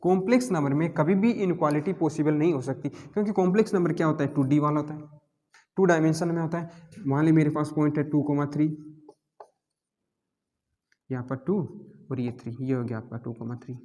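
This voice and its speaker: A man's voice: a little high, fairly quick, pauses often, warm tone. A male math teacher, giving a classroom lecture and constantly asking and answering his own questions. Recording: long hall reverb.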